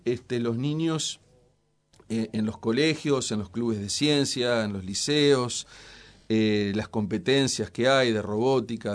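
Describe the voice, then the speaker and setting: A middle-aged man with a Uruguayan accent, answering interview questions as a scientist in a measured, explanatory way with frequent hesitations. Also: medium pitch. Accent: Uruguayan Spanish. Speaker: scientist guest.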